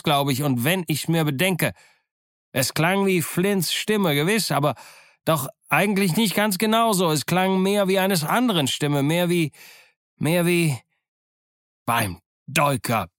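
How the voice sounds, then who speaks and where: A man voicing a rough, superstitious pirate sailor in an audiobook, blustering and excitable. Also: on the high side, no echo, studio quality, pitched above the performer's own voice. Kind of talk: audiobook character voice.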